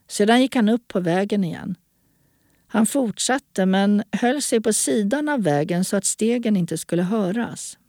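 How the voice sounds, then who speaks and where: A woman narrating an audiobook story in a calm, even storytelling manner. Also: fairly low pitch, no room sound, clean studio sound.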